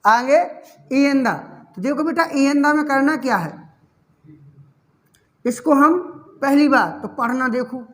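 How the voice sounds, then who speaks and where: Speaking slowly with long pauses, this English grammar teacher has an extremely high, fairly bright voice. During his classroom lecture he repeatedly asks questions, supplies the answers, and fondly addresses students as "child."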